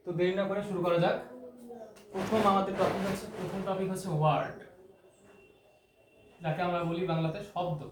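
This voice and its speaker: A man's voice: sits high, steady tone, a little fast, long pauses. A man teaching English grammar, explaining terms step by step, repeating key words and asking rhetorical questions. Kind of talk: classroom-style explanation. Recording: echoey room with faint noise.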